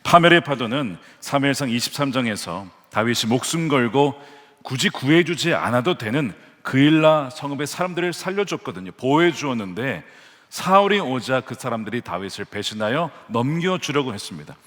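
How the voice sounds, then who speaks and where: A man's voice: mid-range voice, animated, normal speed, a bit bright. A man preaching a Sunday sermon as pastor, earnest and building to fervent emphasis when he quotes scripture. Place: large church sanctuary. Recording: long hall reverb from church sanctuary.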